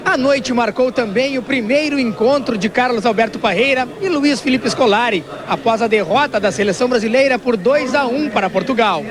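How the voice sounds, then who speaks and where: A man from Brazil narrating a sports news report in a steady, measured way. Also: very high-pitched, a crowd in the background.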